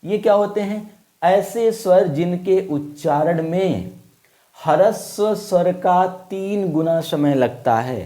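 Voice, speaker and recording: Male teacher, mellow slightly high voice, patient repetitive classroom drilling with questions. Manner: slow, repeating points and asking questions. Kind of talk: classroom lesson to children.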